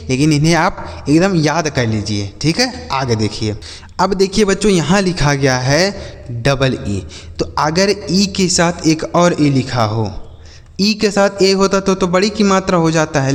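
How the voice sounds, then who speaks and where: A man teaching an English phonics lesson. He spells words letter by letter, sounds them out slowly, and asks the class questions that he then answers himself. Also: fairly high pitch, long reverb tail.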